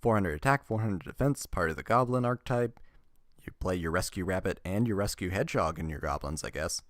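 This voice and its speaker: A man with a fairly low voice, recorded close and dry with no room sound. He reviews trading cards in a relaxed, chatty way, reading the card text aloud and adding wry remarks and laughter as he goes. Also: a little fast, no room sound.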